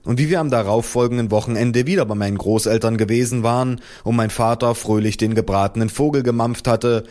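A man reading a humorous first-person story in a dry, deadpan manner. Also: medium pitch, brisk. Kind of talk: first-person audiobook narration.

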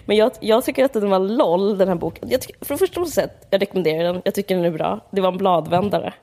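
A woman's voice: mid-range voice, dark tone. A woman chatting casually about a book, rambling with many fillers and speaking candidly and mockingly. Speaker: podcast co-host discussing a book. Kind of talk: casual chat.

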